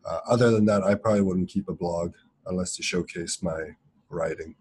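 A man speaking as a guest on a webinar video call, talking casually in a halting way with lots of "uh"s and restarts. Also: low-pitched, darkish tone, a little hiss or hum. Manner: halting, many "uh" fillers and restarts. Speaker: guest freelance copywriter.

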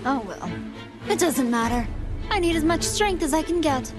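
Cold hungry evil android lady, high voice, haughty game villain. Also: lively intonation, moderate pace, over music. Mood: cold disdain. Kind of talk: video game cutscene acting.

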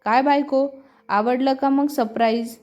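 A playful, teasing young man in love, as a woman narrator reads him, fairly high in pitch. Quiet music runs under a slightly dull sound. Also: steady tone, a little slow. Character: young groom, playful and romantic. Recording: slightly muffled with soft music.

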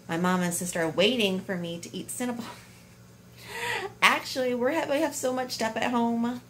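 This American vlogger, 29, giggles and chats bubbly to viewers through a phone camera at arm's length in a hospital room, for a casual couple vlog. She has a lowish, gravelly, fairly bright voice, and there's a little hiss or hum.

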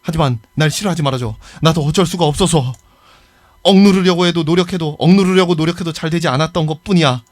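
A man voicing an obsessive, lovesick young girl from a horror game, reading her lines softly with a clingy, unsettling sweetness. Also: fairly high pitch, fast talker, dry recording, pitched above the performer's own voice, natural voice. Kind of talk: reading game dialogue aloud.

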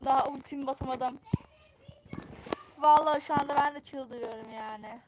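A young woman streaming live gameplay, reacting excitably and repeating phrases over and over. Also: high-pitched, normal speed, background noise.

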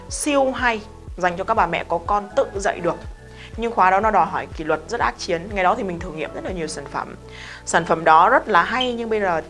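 Chatty woman teaching English. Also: mid-range voice. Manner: chatty, emphatic, talks straight to students with questions. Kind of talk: casual spoken lesson.

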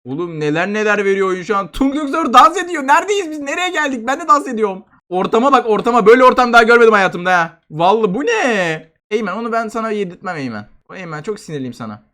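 Fast, bright-voiced young gamer. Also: male voice, sits high. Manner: fast, excitable, shouting and groaning at the game. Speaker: gaming YouTuber. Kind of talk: excited gameplay commentary.

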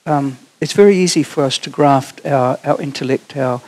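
This middle-aged keynote speaker with a New Zealand accent fields conference questions from a theatre stage, pondering his replies and often beginning again. The audio is poor, carrying his mid-range, darkish voice at an ordinary pace.

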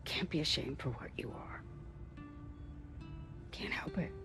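Game elder: kindly, stubborn older woman, gravelly, folksy, music underneath. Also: low voice, animated, measured pace, in a whisper. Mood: gentle, reassuring. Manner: folksy, teasing, reassuring. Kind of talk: video game cutscene acting.

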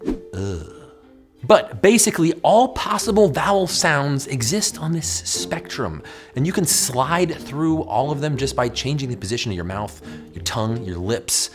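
An American man in his forties presenting a scripted but conversational educational explainer in an emphatic, animated way. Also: medium pitch, moderate pace, music in the background. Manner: animated, emphatic, demonstrating mouth sounds. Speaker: host of an educational science show. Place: small furnished indoor studio with bookshelf.

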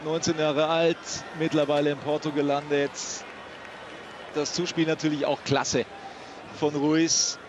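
A man giving live football match commentary in an excitable way, full of exclaimed praise for the play. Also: a little high, a little slow, long pauses. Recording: loud noise behind the voice.

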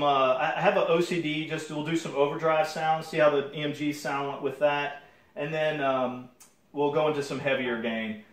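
A young man casually demoing a guitar at home, talking in a relaxed, halting way with many fillers, picked up by a camera mic some distance away. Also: a little high, a little hiss or hum. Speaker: guitar reviewer. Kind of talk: casual gear demo talk. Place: home music room with guitars and amps. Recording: roomy sound from off-mic. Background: electric guitar playing.

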